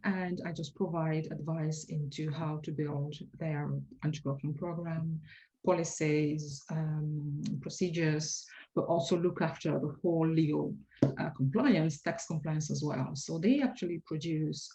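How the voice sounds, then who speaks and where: Lower-pitched woman. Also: steady tone, dark tone, lo-fi sound. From Cameroon. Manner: measured and reflective, with frequent hesitations. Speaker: compliance consultant, interview guest. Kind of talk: interview answers.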